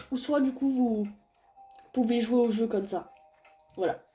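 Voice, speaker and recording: In this slow-paced let's-play, a young woman reads visual novel dialogue in a soft, low tone and breaks into loud, excited chat about the game between scenes. Soft music runs underneath.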